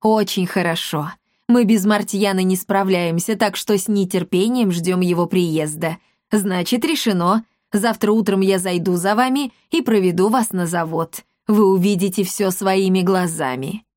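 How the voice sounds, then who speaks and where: A woman voicing a sly, pompous old man who speaks smoothly and politely. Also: medium pitch, normal speed, darkish tone, no room sound, clean studio sound, lightly acted.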